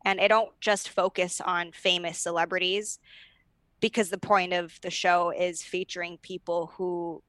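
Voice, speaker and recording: Slightly hungover woman, bright voice. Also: on the low side, level tone, unhurried, dry recording. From United States. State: a little hungover. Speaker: podcast host and comedian, as a guest. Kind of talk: casual conversational interview.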